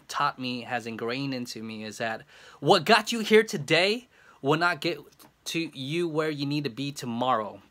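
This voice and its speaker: Breathless, stammering excited man. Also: fairly high pitch. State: shaking with excitement. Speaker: vlogger. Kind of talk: excited motivational vlog.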